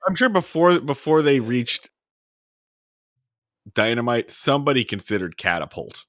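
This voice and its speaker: A man's voice: medium pitch, very animated, moderate pace, a bit bright, no echo, studio quality. A man co-hosting a casual comedy podcast, riffing playfully and jumping into silly bits. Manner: playful, bursts into silly voices. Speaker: podcast co-host.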